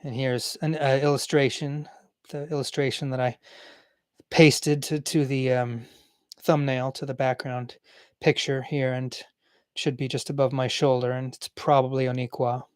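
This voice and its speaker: A man reading a book aloud cold, stumbling and correcting himself, with halting, reflective pauses when he speaks for himself. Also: medium pitch, flat delivery, clear, resonant tone, dry recording, studio quality. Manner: stumbling cold read with slips and self-corrections. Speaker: reader and commentator. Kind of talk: cold read-aloud of a book with personal asides.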